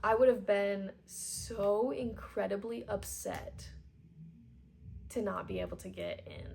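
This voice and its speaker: Chatty young woman with a gravelly edge. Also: mid-range voice, slow. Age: 20s. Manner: chatty and animated, lots of "like", voices quoted people. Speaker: vlogger. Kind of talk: storytime vlog, casual retelling.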